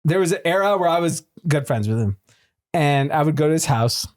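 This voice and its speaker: A man's voice: a little high, lively intonation, a little fast. A man hosting a podcast, telling stories in casual chat, swearing freely and laughing often. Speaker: podcast host.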